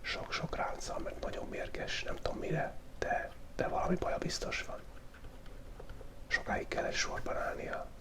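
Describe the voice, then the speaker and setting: With a little mic taped against his face, a Hungarian drawing-channel YouTuber whispers while he sketches. He has a cold but stays playful, dropping joking asides in ASMR style.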